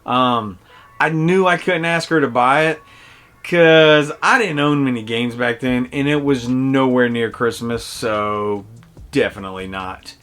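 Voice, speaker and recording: This middle-aged man hosts a casual, personal video game review, telling stories with nostalgic enthusiasm. His mid-range voice is unhurried, clean and fairly bright, with music playing beneath it.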